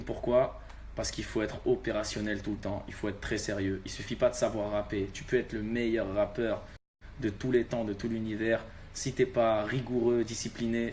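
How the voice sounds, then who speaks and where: A young rapper talks straight to his fans in a relaxed, slangy way, his voice sitting low. A faint hum lingers under the recording. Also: normal speed. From Algeria. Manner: laid-back, street slang, addresses viewers directly. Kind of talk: casual talk to fans.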